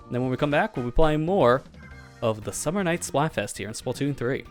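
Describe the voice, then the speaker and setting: A man's voice: medium pitch, lively intonation, fairly quick, soft background music. A man hosting a casual livestream from home, chatty and joking, laughing often as he talks over voice chat. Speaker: streamer host.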